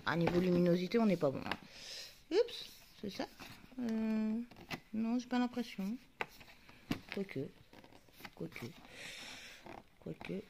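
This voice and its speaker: A YouTuber with a fairly high, creaky voice chats casually with her viewers while opening advent calendar doors, speaking at normal speed with long pauses. She mutters asides and talks toward the camera's focus, and there's background noise in the recording.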